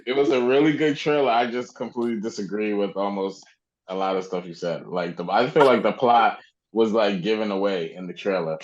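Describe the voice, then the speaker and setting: A young man co-hosting a casual podcast, frank about his opinions. His voice sits on the low side. The sound is a little dull and lo-fi. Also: fairly quick. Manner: blunt, opinionated. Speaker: podcast co-host. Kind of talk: casual chat.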